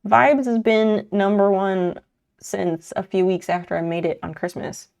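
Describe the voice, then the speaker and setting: A woman's voice: mid-range voice, steady tone, a little slow, gravelly, darkish tone. A woman live streamer chatting casually while sleepy and yawning, rambling and swearing offhandedly.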